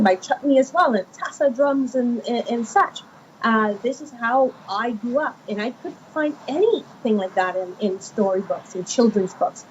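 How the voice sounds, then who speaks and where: A woman from Guyana, a children's author in her thirties, telling her stories in an animated conversational interview with many fillers. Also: a little high. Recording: muffled lo-fi with faint noise.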